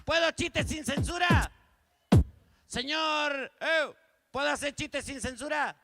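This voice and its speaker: Argentine man, high raspy voice, slow teasing stage patter over live music. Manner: crude, teasing, shouted asides. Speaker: stage entertainer. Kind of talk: live stage banter and jokes. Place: outdoor winter festival stage. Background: music and crowd.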